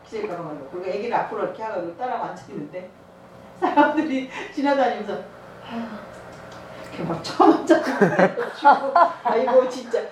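Woman preacher, lively storyteller who acts out dialogue, higher voice, echoey hall, heard from a distance. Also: a little fast, slight background noise. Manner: storytelling, acting out dialogue, laughing often. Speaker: evangelism trainer. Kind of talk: sermon with personal testimony. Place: church.

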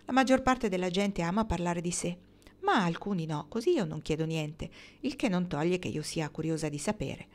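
A woman reading the part of a composed, quietly curious woman who runs a gaming table, speaking calmly and probing gently. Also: on the low side, fairly quick, natural voice. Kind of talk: audiobook reading.

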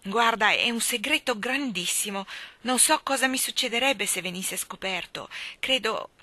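A woman's voice: on the high side, moderate pace, sharp tone, no echo, voice pushed up. A woman reading the part of a shy, secretive young girl who speaks earnestly and a bit dramatically.

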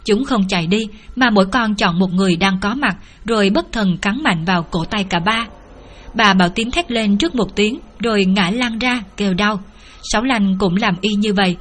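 A woman narrating a dramatic novel in a steady storytelling voice. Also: medium pitch, moderate pace. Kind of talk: audiobook storytelling.

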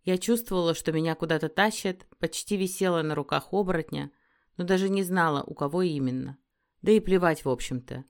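A woman's voice: lowish voice, fairly quick, smooth. A woman narrating a first-person fantasy audiobook in a dramatic, emotive reading.

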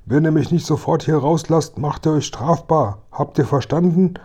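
A man voicing a locked-up police sergeant who shouts for help in an officious, indignant way. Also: on the high side, moderate pace, breathy edge, pitched above the performer's own voice. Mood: pleading.

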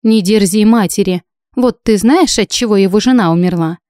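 A woman's voice: mid-range voice, moderate pace, mellow, no room sound, clean studio sound, close to an everyday voice. A woman voicing a worried, fussy mother with a fretful, emphatic way of talking in an audiobook. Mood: suspicious.

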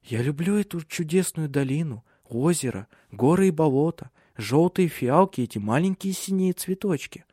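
A man voicing a gentle young wife and mother in an audiobook reading. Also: fairly high pitch, expressive, moderate pace, hardly any pauses, husky, no echo, clean studio sound, voice pushed up. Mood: tender. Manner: soft raised voice for a woman.

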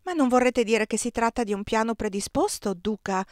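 Woman doing a booming, blustering marshal's wife. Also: a little fast, a little mellow, dry recording, studio quality, lightly acted. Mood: resentful. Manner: booming and breathless. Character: loud imposing marshal's wife, blustering, resentful.

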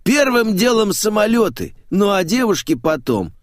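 A man voicing a loud, flamboyant man who dresses like a parrot, brash and slangy, in an audiobook. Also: high voice, big pitch swings, no echo, clean studio sound, voice pushed up. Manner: brash, slangy, drawn-out exclamations. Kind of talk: audiobook character voice.

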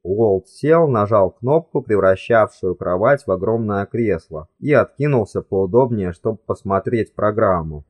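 A man's voice: lowish voice, animated, unhurried, hardly any pauses, darkish tone. Man narrating an audiobook. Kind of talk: scripted narration.

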